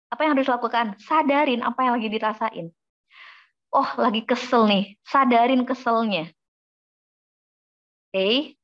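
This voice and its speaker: A woman with a fairly high voice gives a parenting talk, lively and conversational, asking her listeners questions and answering them. The sound is dull and lo-fi, like a webinar call.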